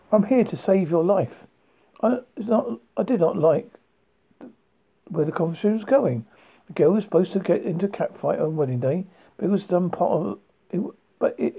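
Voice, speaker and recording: An amateur reader narrating book extracts in a halting way, with frequent slips and restarts. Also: mid-range voice, vocal fry, slightly rough. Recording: tinny phone-like sound.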